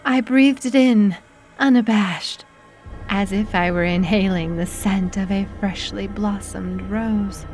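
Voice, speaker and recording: A woman narrating a horror story in a slow, theatrical, ominous manner. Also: mid-range voice, darkish tone, soft background music.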